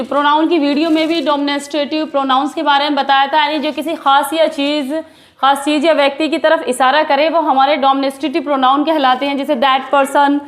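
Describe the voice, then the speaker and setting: A woman teaching English grammar in a classroom style, explaining patiently and slowing down to read English examples. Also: high-pitched.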